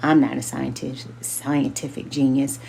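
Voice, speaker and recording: Woman, book club host, children's story read-aloud, low voice, gravelly. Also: level tone, warm tone, a little hiss or hum. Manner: slow, careful reading of names and words.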